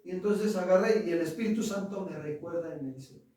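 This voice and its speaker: A man's voice: high-pitched, brisk, warm tone. A male pastor with a Mexican accent, preaching conversationally and asking the congregation rhetorical questions. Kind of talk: sermon. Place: church hall. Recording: very echoey hall, far from mic.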